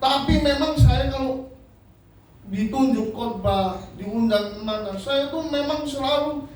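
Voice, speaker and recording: A middle-aged man preaches with feeling, his fairly high voice rising loud and sinking hushed by turns. He talks into a handheld mic in a church, and the sound rings around a large, echoing hall. He comes across as a bit distant, with a faint hiss underneath. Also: measured pace. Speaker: pastor. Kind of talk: sermon. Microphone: handheld microphone. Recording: echoey hall, from far off.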